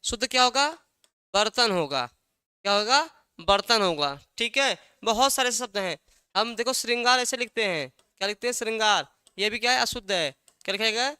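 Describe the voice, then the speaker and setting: Bright, crisp teacher drilling answers. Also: mid-range voice, animated, brisk, no room sound, studio quality. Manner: drills by asking a question and answering it; repeats key words several times. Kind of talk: exam-prep language lesson.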